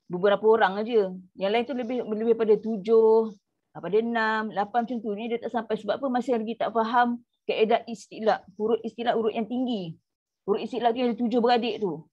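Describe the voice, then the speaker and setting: A woman's voice: a little high, lo-fi sound. Malaysian woman teaching Quran recitation. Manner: explains firmly, repeats sample sounds, chanting recitation examples. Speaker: tajwid teacher. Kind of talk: online Quran recitation class.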